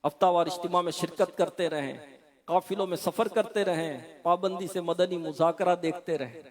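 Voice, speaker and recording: High-voiced fervent male preacher. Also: normal speed. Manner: fervent, swings into chanted singing. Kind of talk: sermon with sung devotional verses. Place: large hall.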